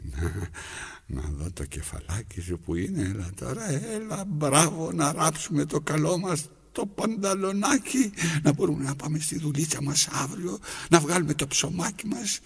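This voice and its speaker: A slightly high, sing-song man's voice with vocal fry and a breathy edge gives a full character performance. In this rambling theatrical monologue, an aging, lonely man mends his trousers and chats with himself and his needle, first coaxing it, then scolding it.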